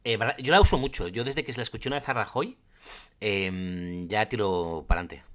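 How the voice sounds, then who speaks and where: A man from Spain, co-hosting a casual podcast chat and telling animated stories with frequent laughs. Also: on the low side, moderate pace. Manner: animated storyteller, laughs often. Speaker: podcast co-host.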